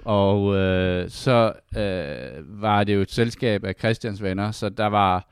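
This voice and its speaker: A man hosting a podcast, telling a lively story with many fillers in casual chat. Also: fairly low pitch, clean tone, dry recording, studio quality. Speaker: podcast host.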